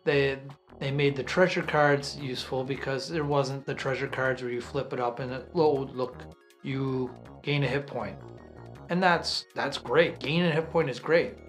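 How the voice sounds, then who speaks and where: A man's voice: medium pitch, steady tone, normal speed, a bit bright, soft background music. Man chatting about a board game. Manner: talks things through at length, restarting phrases. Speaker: co-host reviewer. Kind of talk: casual review chat.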